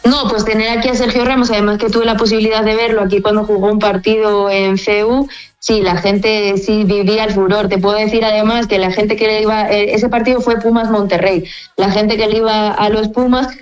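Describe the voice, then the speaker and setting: A young Spanish woman from Asturias whose accent has picked up a Mexican mix, chatting as a football journalist guest on a radio show, relaxed and slowing down as she thinks. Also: mid-range voice, poor audio. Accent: Spanish with a slight Mexican mix. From Asturias, Spain. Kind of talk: casual radio interview.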